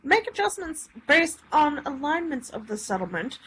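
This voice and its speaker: A woman with a high, very animated voice and fairly bright tone reads a tabletop game supplement aloud at normal speed, stumbling occasionally and tossing in joking asides. The recording is rough, with clear background noise.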